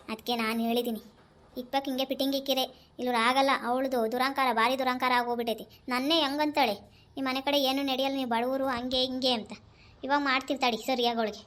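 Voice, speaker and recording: A woman's voice: fairly high pitch, fairly bright tone, lightly acted. A woman playing a scheming young daughter-in-law. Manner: gossipy, confiding.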